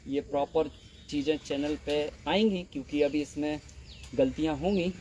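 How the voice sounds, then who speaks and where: Out in a farm field, a man runs a farming training session, patiently walking trainees through the work and repeating himself as he goes. His voice is on the high side and mellow, at a normal pace, with faint insect noise in the background.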